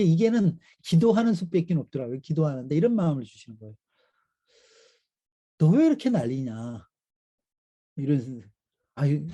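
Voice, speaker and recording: Middle-aged male preacher, dark and mellow, emotional testimony, slightly high voice. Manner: emotional storytelling with pauses and fillers. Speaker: missionary pastor. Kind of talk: sermon testimony.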